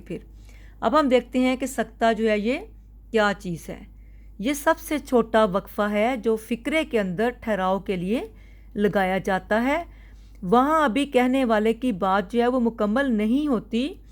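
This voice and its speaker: A woman teacher, giving a recorded grammar lecture. Her voice sits fairly high, and she takes her time, restating each point so students can follow. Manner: slow, careful explaining with frequent restating.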